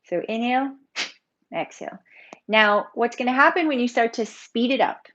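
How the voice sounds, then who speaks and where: A woman's voice: on the high side, moderate pace, fairly bright tone, muffled recording. A woman yoga teacher leading a live online breathing workshop, talking in a chatty, informal way and laughing often.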